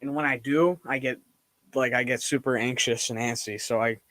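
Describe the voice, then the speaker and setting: A young man on a home live stream rambles in a medium-pitched, steady voice at a moderate pace, reacting loudly to plays. Because he stands and moves around as he chats casually, his voice shifts nearer and farther from the microphone.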